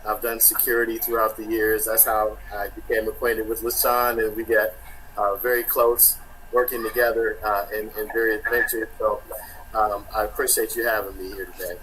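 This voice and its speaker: A man who used to be a radio host introduces himself as a panel guest over a video call. His voice is low but bright and forceful. He speaks with a practiced on-air flow, broken by uh fillers and the odd repeated word. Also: a little hiss or hum, rough recording. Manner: fluent on-air delivery with uh fillers and repeated words. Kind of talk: self-introduction in a panel discussion.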